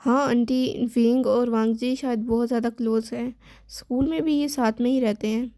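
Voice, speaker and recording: A woman reads as a scheming teenage schoolgirl in a storybook, all put-on sweetness. Her voice is high and even, with a mellow tone. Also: moderate pace, no echo, close to an everyday voice. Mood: sweetly scheming.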